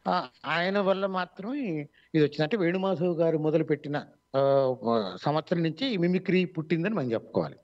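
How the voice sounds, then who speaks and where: Telugu accent guy explaining stuff slowly on online radio, lots of pauses and fillers, bit high voice, muffled lo-fi sound. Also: a little mellow. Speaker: mimicry artist guest. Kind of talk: radio interview answers. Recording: dull lo-fi online radio audio.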